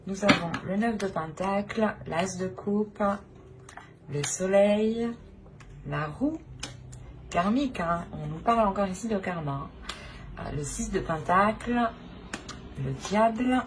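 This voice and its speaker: Speaking at a medium pitch, she sounds animated but takes her time, pausing often. She's a tarot reader on her own channel doing an unscripted reading for viewers, hesitating, repeating herself, and regularly tagging on "hein." Background noise is noticeable throughout.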